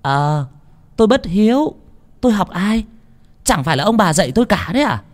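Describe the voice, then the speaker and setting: A man's voice: mid-range voice, sing-song, fairly quick, darkish tone, voice pushed up, close to an everyday voice. A man voicing a scornful married daughter in an audio story, cursing her bedridden mother. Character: sneering middle-aged married daughter, scornful.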